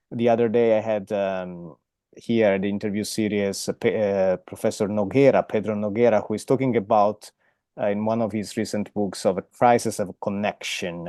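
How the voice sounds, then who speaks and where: A man hosting an academic interview, speaking in a measured way with many fillers. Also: fairly low pitch, dark tone, dry recording, clean studio sound. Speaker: interview host.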